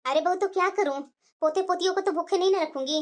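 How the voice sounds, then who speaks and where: A woman's voice: very high voice, quick pace. Woman voicing a complaining old grandmother. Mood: lamenting. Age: older. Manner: lamenting, plaintive. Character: old grandmother, worried and complaining mother-in-law.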